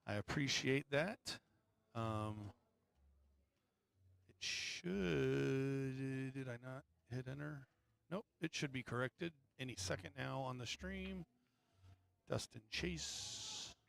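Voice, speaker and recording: A man's voice: mid-range voice, a little slow, gravelly, fairly bright tone, no echo. A man hosting a live pool match stream, chatting casually with viewers between shots with joking asides. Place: pool hall.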